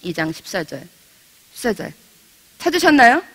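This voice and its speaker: A middle-aged woman leads a Bible study with a bright voice that swings up and down in pitch. She is chatty, asks her listeners questions and laughs through her stories. Her voice carries the long reverb of a church hall. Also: big pitch swings, moderate pace. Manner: laughs while telling stories. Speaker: pastor's wife teaching a Bible study.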